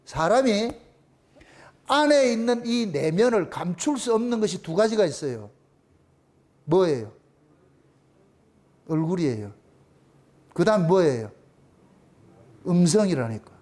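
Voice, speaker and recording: A male pastor with a Gyeongsang Korean accent preaches slightly slowly, pausing often, his high voice darkish in tone with big swings in pitch. Emphatic and repetitive, he repeats phrases to stress them and answers the questions he puts to the congregation.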